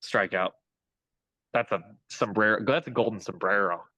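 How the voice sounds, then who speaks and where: A man's voice: on the low side, moderate pace, bright, forceful tone, dry recording, poor audio. A young adult man, a hitting coach, talking as a guest in a casual interview, upbeat and motivational. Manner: upbeat, motivational, pep-talk phrasing.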